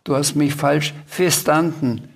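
A man putting on a fretful little blue dragon from a children's storybook, its voice lifted high and drawn out slowly. It swaps every R for an S and sounds plaintive and earnest. It speaks with worried care. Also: creaky, exaggerated voice. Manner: slow, raised, plaintive.

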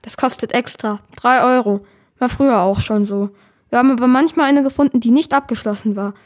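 A woman's voice: a little high, a little fast. Woman reading a story aloud.

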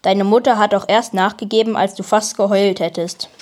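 A woman's voice: mid-range voice, fairly even intonation, moderate pace, a little mellow, natural voice. Woman reading as a cheeky lazy little monster. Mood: teasing. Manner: teasing, easygoing. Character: relaxed cheeky small monster companion.

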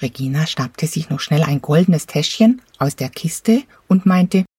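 A woman reading a children's storybook aloud in a calm, even storytelling manner. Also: low voice, unhurried, breathy edge, dry recording. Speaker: narrator.

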